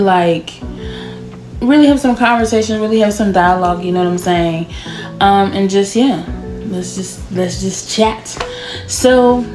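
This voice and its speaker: Woman, late 20s, casual vlogger, mid pitch, roomy echo, faint music bed. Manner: chatty, drawn-out words, lively laughs. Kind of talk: casual chat to camera. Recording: echoey room with faint music.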